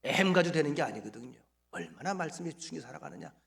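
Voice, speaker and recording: Animated Korean pastor preaching. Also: male voice, on the high side, fast, creaky. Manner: lively preacher who quizzes the congregation and has them repeat phrases. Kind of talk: sermon.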